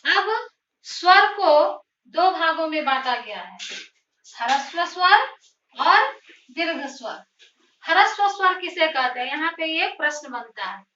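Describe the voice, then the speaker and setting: A woman teacher giving a slow, deliberate grammar lesson, posing questions to her students and then answering them herself. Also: extremely high pitch, expressive, bright, forceful tone, far from the mic, a little hiss or hum. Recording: roomy, dull lo-fi sound, voice from off the mic.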